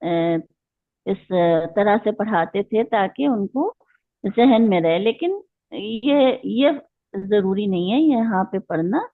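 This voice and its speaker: A woman's voice: medium pitch, no room sound. A woman teaching a Quran recitation class, patiently explaining rules step by step and asking her students questions. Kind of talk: online class lecture. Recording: tinny phone-like line.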